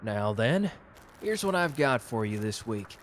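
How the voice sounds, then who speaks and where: Speaking a little slowly at medium pitch, with a faint hiss or hum on the recording, a man delivers a very animated performance. He's the cocky, gallant and protective customer of a romantic roleplay audio drama, teasing and friendly as he flirts suavely in an intimate one-sided conversation.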